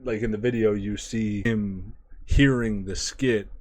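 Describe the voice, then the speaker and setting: Guy with a lowish voice talking through an album review, thinks out loud, trails off into mumbles. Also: fairly even intonation, measured pace. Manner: thinking aloud, restarts and trails off into low mumbles. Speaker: music reviewer. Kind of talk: casual spoken album review.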